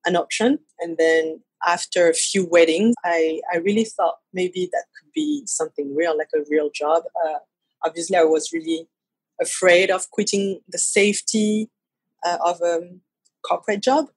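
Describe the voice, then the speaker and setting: A woman's voice: fairly low pitch, moderate pace, breathy edge, no room sound, rough recording. A woman in her thirties from France with a French accent, a photographer talking casually in an interview, laughing easily and using hesitant fillers. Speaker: guest photographer.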